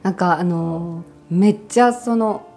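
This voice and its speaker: A woman's voice: on the low side, a little slow, dark tone, faint music behind. A woman who was an elementary school teacher tells a story in casual chat, acting out the people she quotes. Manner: vivid storyteller, acts out quoted voices.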